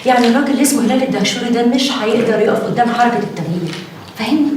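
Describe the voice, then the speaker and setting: Fields: Accent: Egyptian. Figure: an actress playing a pushy scheming daughter. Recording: echoey. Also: female voice, fairly high pitch, very fast, a little mellow, a little hiss or hum, lightly acted. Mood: persuasive. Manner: persuasive, insistent. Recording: echoey, distant.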